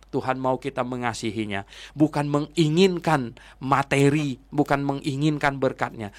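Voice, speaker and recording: A man's voice: fairly high pitch, no echo. An older man preaching a Bible sermon to listeners, earnest, dropping in frequent "ya" and "nah" fillers. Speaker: pastor. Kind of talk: radio-style Bible sermon.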